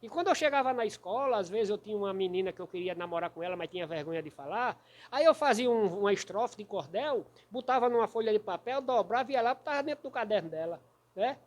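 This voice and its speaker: A man from Rio Grande do Norte with a Potiguar accent, a cordel poet telling stories in an interview in a folksy, animated way. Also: very high-pitched. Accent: Rio Grande do Norte Brazilian Portuguese. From Santo Antônio do Salto da Onça, Rio Grande do Norte, Brazil. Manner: folksy, animated storyteller who taps out verse rhythm. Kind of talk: storytelling interview.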